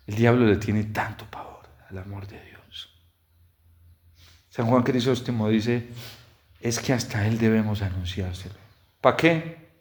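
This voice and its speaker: Man preaching a homily. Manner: builds to loud high-pitched exhortations; storytelling with lively quoted dialogue.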